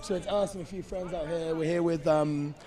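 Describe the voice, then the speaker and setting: A man's voice: on the high side, fairly even intonation, brisk, warm tone. A young English man giving casual, chatty live commentary at a lacrosse match outdoors. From England. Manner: chatty, upbeat, slangy. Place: outdoors at a sports field.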